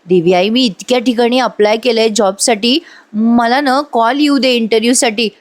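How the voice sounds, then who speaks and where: A woman's voice: fairly high pitch, normal speed, natural voice. A woman voicing an earnest young woman seeking work, pleading.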